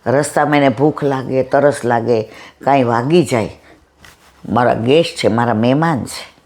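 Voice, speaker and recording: A mid-pitched, slightly mellow speaker gives a devotional talk drawn from folk stories. The voice leaps up and down to portray each tale's characters, then draws out every moral in a slow, weighty drawl.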